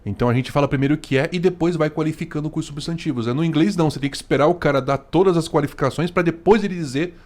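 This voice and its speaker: A man's voice: a little high, racing, few pauses, darkish tone. A Brazilian man hosting a casual reaction commentary, chatty and slangy, tagging his sentences with "né" and "cara". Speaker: host reacting to a video.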